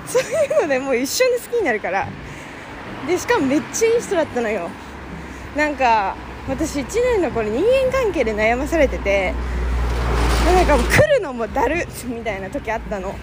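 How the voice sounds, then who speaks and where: Chatty young woman, high lively voice. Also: normal speed. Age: young adult. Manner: chatty, gushing, lots of fillers. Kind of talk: casual monologue. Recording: noisy background with passing vehicles.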